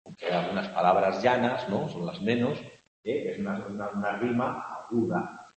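A man's voice: on the low side, moderate pace. A man, teaching a class on poetic meter and often asking "¿no?" to check his students are following. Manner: chants vowels loudly when scanning verse. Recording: echoey hall with faint hiss, mic far off.

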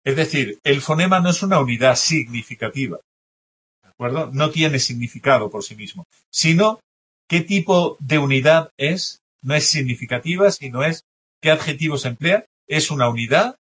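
A man's voice: a little high, lively intonation, normal speed, fairly bright tone, breathy edge. A man teaching a language class, explaining test answers and often checking in with students. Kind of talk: classroom lecture going over test answers.

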